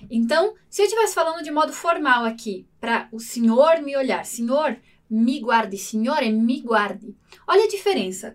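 A woman's voice: high-pitched, recorded from a distance. A woman teaching Italian grammar in a lesson, explaining patiently and checking in often with her listeners. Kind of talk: online language lesson.

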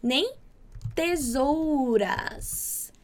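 Upbeat Brazilian woman teaching Spanish. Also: high-pitched. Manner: upbeat, chatty, drills words slowly and repeats them. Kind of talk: casual online language lesson.

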